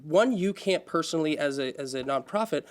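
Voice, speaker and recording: Brisk and lively in intonation, this rather high male voice belongs to a board member of a public access station. He talks earnestly during a panel at a community forum, often breaking off and beginning his sentences again.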